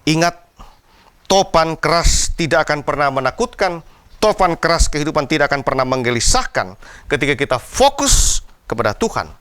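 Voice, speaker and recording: A man's voice: on the high side, very animated, moderate pace, a bit bright, clean tone, no echo. A man preaching a devotional sermon in an earnest way, with an Indonesian accent, raising his voice when he cries out to God. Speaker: pastor.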